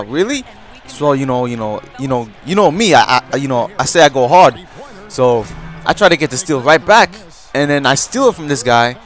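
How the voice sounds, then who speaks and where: A man's voice: a little high, a bit bright. A young man telling a rambling story in a casual vlog, with lots of restarts and a sore throat, as a gaming YouTuber.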